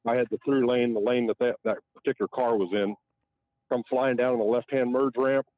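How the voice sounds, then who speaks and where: A man's voice: medium pitch, fairly even intonation, brisk, dry recording. An older man who drives a livestock truck, calling in from a loading site and ranting in an opinionated way, repeating himself. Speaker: livestock truck driver and fellow show host. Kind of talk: phone-in chat. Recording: dull lo-fi phone line.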